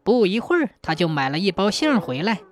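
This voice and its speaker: A woman narrating a folk tale in a plain, steady way. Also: mid-range voice, fast talker, soft background music. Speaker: storyteller.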